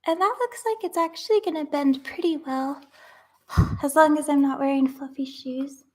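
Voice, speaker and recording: A young woman with a high, slightly mellow voice chats at a normal speed while making crafts. She rambles casually, uses lots of fillers, and now and then drops to a whisper.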